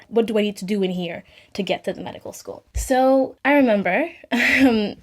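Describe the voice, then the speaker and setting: A woman's voice: mid-range voice, darkish tone. A young woman vlogger telling her own story in a casual, chatty way, acting out the people she quotes.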